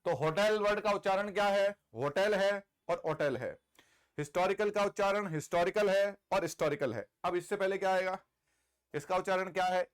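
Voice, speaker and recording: A man's voice: high-pitched, clear, resonant tone. A middle-aged man with an Indian accent teaching English grammar in a live online class, pressing students for answers and praising them.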